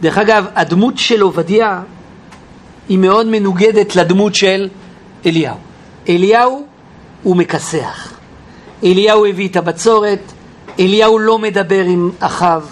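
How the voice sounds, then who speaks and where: A man teaching a Bible class in an animated way, questioning his listeners and acting out quotes. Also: high voice, long pauses. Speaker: Torah teacher. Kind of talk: lively Bible class lecture.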